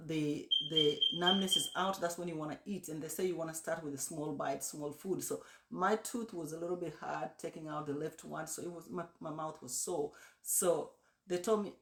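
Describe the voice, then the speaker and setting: A casual vlogger with a mid-pitched voice talks straight to the viewer. They explain things step by step and often repeat themselves, telling a personal experience with practical advice. The sound is roomy and echoey. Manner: repetitive explaining, addressing the viewer directly. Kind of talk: casual first-person vlog recounting an experience with practical tips.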